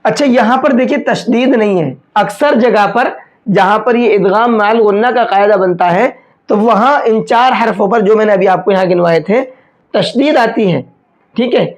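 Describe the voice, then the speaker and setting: A man teaching a step-by-step recitation lesson. He explains each rule patiently, often checks that it is understood, and draws out slow examples. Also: high voice. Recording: dull lo-fi recording.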